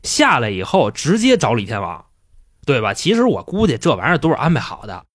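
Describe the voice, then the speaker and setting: A man hosting a casual podcast, retelling a story in a slangy, animated way with casual swearing. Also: mid-range voice, brisk, no echo, clean studio sound. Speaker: podcast host.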